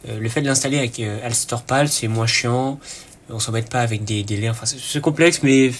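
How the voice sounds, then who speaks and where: A man hosting a casual screen-recorded tech tutorial, relaxed and chatty, often pausing with fillers and a quick "hop" as he clicks. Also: medium pitch, slight background noise.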